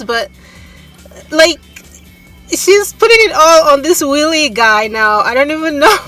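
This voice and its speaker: A woman's voice: high voice, fairly bright tone, poor audio. A woman hosting a commentary video, reacting in a casual, exasperated way. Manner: exasperated, incredulous remarks. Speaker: commentary channel host.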